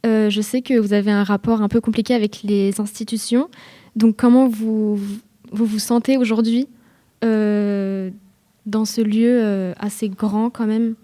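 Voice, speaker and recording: A woman's voice: mid-range voice, level tone, measured pace, warm tone, lightly acted. A woman playing a museum guide who hosts an interview in an improvised radio role-play, polite and hesitant.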